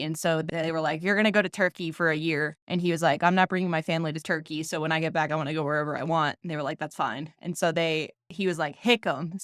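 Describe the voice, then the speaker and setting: A woman's voice: deep voice, dry recording, clean studio sound. A woman in her thirties from the United States, a tech founder telling her story as a podcast guest, chatty and self-deprecating with frequent laughs. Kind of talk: casual interview storytelling.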